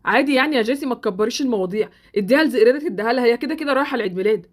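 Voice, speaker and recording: A woman's voice: fairly high pitch, expressive, very fast. A woman with an Egyptian accent voicing Sultan, a blunt, awkward boy in a Roblox roleplay series. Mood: brusque.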